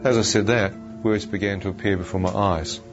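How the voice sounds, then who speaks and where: A man narrates his personal testimony in an earnest, reflective tone. His voice sits fairly low. The audio is dull, with music playing clearly behind him. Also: steady tone, a little fast.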